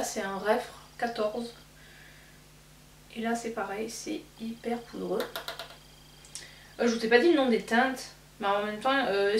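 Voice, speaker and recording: Chatty woman vlogger in an echoey room. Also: a little high. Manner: chatty, rambling, many fillers and restarts. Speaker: beauty vlogger. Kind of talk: casual get-ready-with-me chat. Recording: echoey room, mic at a distance, faint hum.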